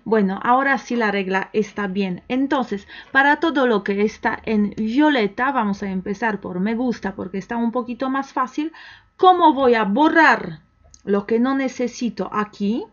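A woman teaching an online language lesson, who talks slowly and patiently and waits for the learner to answer. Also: on the high side. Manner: slow, patient, encouraging, with pauses for the learner to answer. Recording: dull, lo-fi recording.

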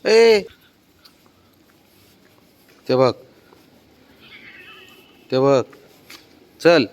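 A man's voice: mid-range voice, moderate pace. Man coaxing his cat, over and over. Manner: coaxing, repetitive calls to a cat. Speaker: cat owner filming his pet. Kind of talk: casual talk to a pet.

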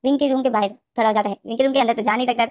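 A woman retelling her own fan-fiction story in a rapid, repetitive narration. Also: fairly high pitch, fairly even intonation, darkish tone, no room sound, studio quality.

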